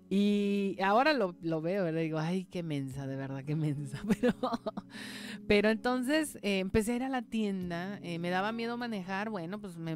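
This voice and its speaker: A woman's voice: lowish voice, darkish tone. Fervent woman sharing her faith. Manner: fervent, storytelling, often asks the listener "right?". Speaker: guest giving a faith testimony. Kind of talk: religious testimony on radio.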